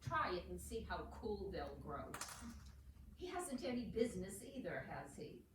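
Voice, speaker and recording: A woman's voice: fairly low pitch, big pitch swings, normal speed. A woman playing an imperious, wealthy old great-aunt in a period drama, scolding and commanding like a scornful tycoon. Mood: scornful, pressing. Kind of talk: stage-style period drama dialogue. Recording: very echoey, distant, clearly noisy room recording.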